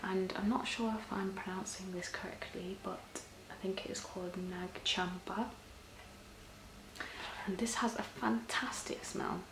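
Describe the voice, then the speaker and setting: A woman in a whispered role-play as a personal shopper, soft-spoken and often breathy, explaining things gently and a little hesitantly. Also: mid-range voice, steady tone, measured pace. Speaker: ASMR performer playing a personal shopper. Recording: roomy echo, clear background noise.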